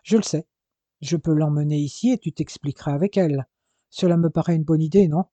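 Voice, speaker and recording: A man reading aloud as a furious young man who talks in sharp, raised, scolding bursts. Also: fairly high pitch, fairly quick, no room sound, natural voice. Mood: impatient.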